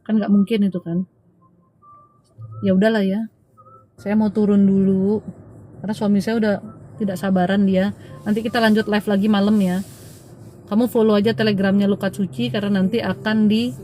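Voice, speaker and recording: A woman's voice: mid-range voice, darkish tone, slight background noise. A woman with a Balinese Indonesian accent, hosting a live stream as a spiritual healer in a chatty, teasing way and calling viewers dear. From Bali, Indonesia. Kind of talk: casual live-stream chat.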